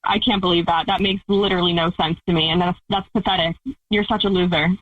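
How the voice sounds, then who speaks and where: A woman's voice: on the low side, fairly even intonation, fast talker, dry recording. Blunt woman on a tinny phone line. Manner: blunt, accusing. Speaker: caller confronting her fiance. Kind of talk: phone call on a radio show.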